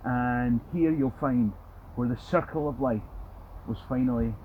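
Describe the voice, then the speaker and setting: A Scottish man acts as a history tour guide, telling travel stories to camera in a conversational, wry way. His mid-range voice keeps a measured pace, and the phone-quality audio was recorded at a noisy outdoor spot with traffic noise.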